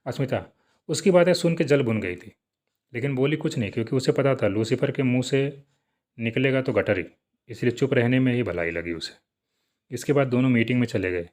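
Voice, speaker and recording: A man reading a serialized story aloud in plain, steady narration with small asides. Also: medium pitch, fairly quick.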